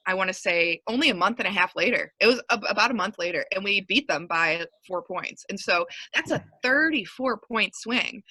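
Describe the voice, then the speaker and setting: A woman's voice: mid-range voice, bright, forceful tone, dry recording, poor audio. A young woman in her twenties, a basketball coach, talking casually and upbeat in an interview, rambling with lots of fillers.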